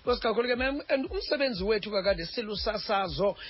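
Male radio presenter, Xhosa accent, slightly high pitch, very quick chatty delivery, muffled broadcast sound. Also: lively intonation, a loud crowd. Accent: South African Xhosa. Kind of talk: unscripted radio discussion. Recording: dull lo-fi radio audio.

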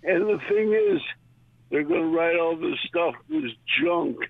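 An older man calling in to a radio show over the phone, talking in a rambling, halting way. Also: a little high. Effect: heard over the phone. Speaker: caller. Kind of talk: casual call-in chat. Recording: tinny phone line.

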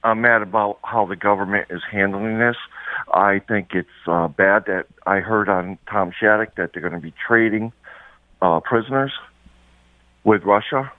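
A man's voice: on the low side, normal speed, dry recording. A man calling in to a radio talk show on a speakerphone, talking hesitantly with frequent ums. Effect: speakerphone call over a phone line. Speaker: caller. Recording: tinny phone line.

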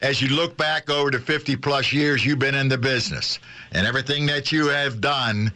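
A man's voice: medium pitch, steady tone, a little fast, bright, forceful tone. A man co-hosting a radio sports show, responding to his guest with short affirmations. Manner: affirming, friendly interjections. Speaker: co-host.

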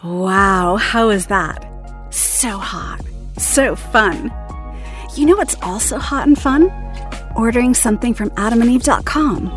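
A woman podcast host doing an upbeat ad read in a bubbly, playful way. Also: mid-range voice.

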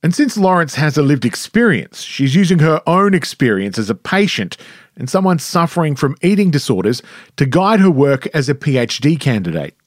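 A male reporter giving clear, scripted narration that explains facts for the audience. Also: on the high side, very animated, normal speed, dry recording, studio quality.

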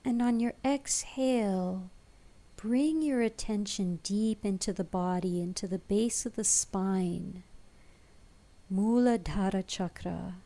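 A woman leading a guided meditation as a teacher, in a soft, breathy, soothing delivery. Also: mid-range voice, slow.

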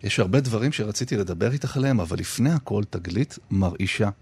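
A man hosting a radio show, narrating scripted personal stories in a measured way with deliberate pauses. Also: on the low side, animated, a little mellow, slightly rough. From Israel. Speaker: radio host.

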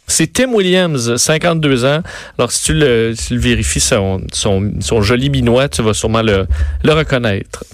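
A man's voice: medium pitch, normal speed, no room sound. A man with a Quebec French accent, a radio columnist telling odd news stories in a chatty way, full of fillers. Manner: chatty storytelling, many fillers. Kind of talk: casual radio chat.

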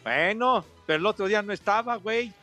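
A man's voice: sits high, a little fast, bright, forceful tone. A Mexican man co-hosting a sports radio show, bantering with courtly, affectionate greetings and mock complaints. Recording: radio with clear music underneath. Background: music.

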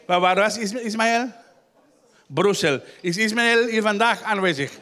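A young Flemish man doing live stand-up comedy in a tent show, teasing front-row audience members with wild, drawn-out shouting. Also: high-pitched, a little hiss or hum.

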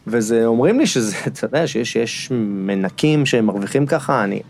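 A flustered, stammering director. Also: male voice, expressive, creaky, faint music behind. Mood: hesitant. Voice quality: stammering, voice climbs high when upset. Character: flustered insecure male director, pleading and stammering. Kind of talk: scripted comedy audio drama.

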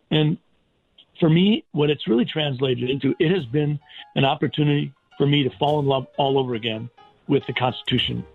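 An American man giving earnest, deliberate and emphatic answers as a radio interview guest, in formal wording. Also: on the high side, gravelly, slightly rough. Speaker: interview guest, doctor and politician. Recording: tinny phone-like line.

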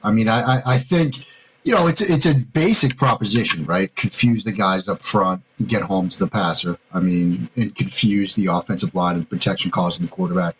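A man's voice: sits low, moderate pace, dull audio, a little hiss or hum. A man co-hosting a sports podcast, talking through defensive schemes step by step in a casual, analytical way. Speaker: podcast co-host, football analyst.

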